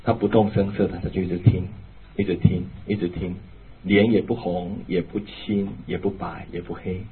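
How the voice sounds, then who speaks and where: A male pastor preaching a sermon, emphatic and animated, then dropping to a hushed, low tone. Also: moderate pace, slight background noise. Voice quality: very husky. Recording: tinny phone-like, lo-fi.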